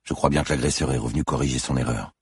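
A fierce, driven police lieutenant barks out orders, as a male reader puts her on. The voice climbs well above his own into a strained, husky shout, kept close and dry. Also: very deep voice, steady tone, very fast, no echo, heavily acted. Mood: tense. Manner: shouting urgently.

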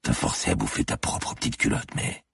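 A man reading aloud plays a predatory police lieutenant, talking in a quiet, taunting, half-whispered menace. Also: brisk, no room sound, clean studio sound, natural voice. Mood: menacing.

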